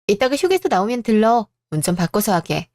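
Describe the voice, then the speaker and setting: A woman voicing a gentle, supportive wife who soothes her husband. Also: mid-range voice, sing-song, a little fast, no room sound, clean studio sound. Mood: caring. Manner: soft, soothing.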